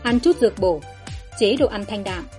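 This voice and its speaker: A woman narrating a historical fantasy audiobook in a steady, even storytelling manner. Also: mid-range voice, moderate pace, faint music behind.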